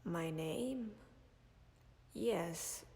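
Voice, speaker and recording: This audio roleplay features a woman voice actor as a tender, calm dragon who cares for the listener. The exaggerated voice is deep, gravelly and fry-laden, measured and very slow, often dropping almost to a whisper before trailing off into a lingering reverb.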